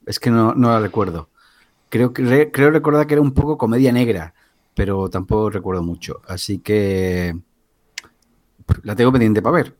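A man, speaking in a relaxed, casual way about films. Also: lowish voice, normal speed. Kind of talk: casual film discussion.

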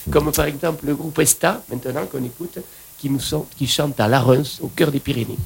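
A man's voice: on the high side, a little fast, creaky, breathy edge, poor audio. A man with a southwestern French accent hosting a casual radio chat. He rambles enthusiastically and mixes in regional words. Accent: southwestern French, Occitan-tinged. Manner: rambling, enthusiastic, switches between French and Occitan. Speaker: radio host.

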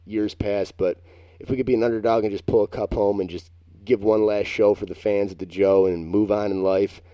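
A man's voice: fairly low pitch, steady tone, fairly quick, warm tone, no room sound, clean studio sound. A young man co-hosting a casual chat, telling a long, rambling, self-mocking story. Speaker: podcast co-host.

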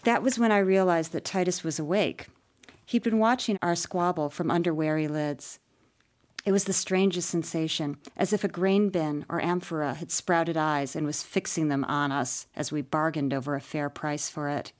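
A woman narrating a first-person story in a measured, expressive audiobook reading. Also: deep voice.

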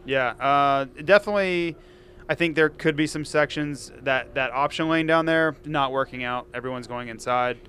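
A man's voice: medium pitch, moderate pace, a bit bright, a little hiss or hum. A man talking casually about sports as a commentator, with dry, matter-of-fact humor. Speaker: former racer, commentator. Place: small office cubicle.

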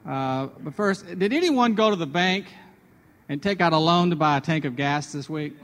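Radio guy telling a devotional story, kinda high voice, chatty, lots of echo. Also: lively intonation, moderate pace, fairly bright tone, slight background noise. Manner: chatty, self-deprecating, with restarts. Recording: long hall reverb.

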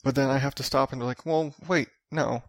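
A man's voice: medium pitch, steady tone, brisk, no room sound, studio quality. A man in his thirties rambling through a casual solo podcast monologue, profane and self-mocking. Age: 30s. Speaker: podcast host.

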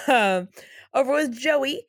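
A woman's voice: sits high, expressive, slow, no room sound, clean studio sound. A young woman co-hosting a casual chat, wry and teasing as she recaps a TV show. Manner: wry, teasing, laughs often, swears casually. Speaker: podcast co-host.

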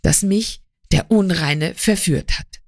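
A woman reading the part of a remorseful young wife, confessing in a slow, earnest, pleading way. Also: on the low side, dry recording, clean studio sound.

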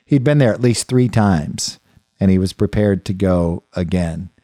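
Low, mellow male Bible teacher. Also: measured pace, dry recording, clean studio sound. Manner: thoughtful, with frequent restarts and asides to the listener. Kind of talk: unscripted Bible study lecture.

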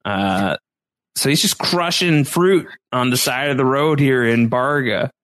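A man's voice: medium pitch, unhurried, a bit bright. A man co-hosting a podcast, recapping a show in casual chat and breaking into comic impressions. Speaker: podcast co-host.

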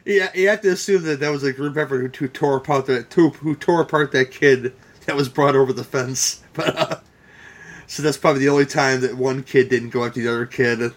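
A man's voice: medium pitch, fairly even intonation, brisk. A man co-hosting a podcast, chatting casually about films, swearing and laughing as he recounts scenes. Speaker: podcast co-host. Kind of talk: casual film review chat.

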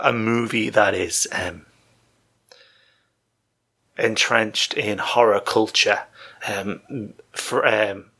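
A man giving informal film history commentary as a host, in thoughtful phrases broken by pauses. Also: fairly low pitch, gravelly, a bit bright, breathy edge.

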